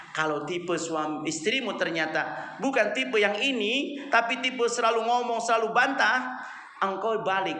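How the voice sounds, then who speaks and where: A man preaching a lively, humorous religious lecture, weaving in Arabic phrases. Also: sits high, reverberant, slight background noise.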